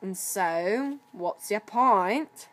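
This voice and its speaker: A woman's voice: mid-range voice, unhurried, close to an everyday voice. Woman doing a sulky diesel engine. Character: sulky misunderstood male diesel.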